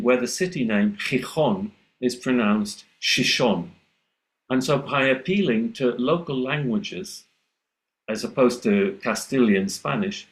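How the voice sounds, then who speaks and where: An Englishman presenting a webinar as a teacher trainer, explaining and demonstrating speech sounds aloud in an animated way over a video call. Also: on the low side, low-quality recording.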